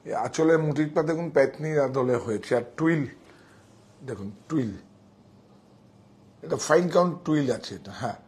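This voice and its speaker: A man showing sarees in a live sales pitch, talking excitedly, repeating himself and directing helpers. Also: moderate pace, pauses often. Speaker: saree shop seller.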